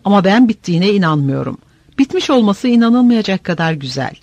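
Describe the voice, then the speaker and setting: A man's voice: high-pitched, big pitch swings, a little fast, darkish tone, dry recording, highs cut off, exaggerated voice. A man reading an audiobook, voicing a weary, doubtful male soldier who talks grimly and insistently. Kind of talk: audiobook character voice.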